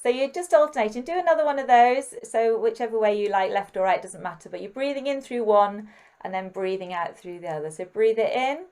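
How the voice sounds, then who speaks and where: A woman singing teacher giving gentle, encouraging step-by-step breathing and vocal warm-up instructions. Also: fairly high pitch, brisk, clear, resonant tone.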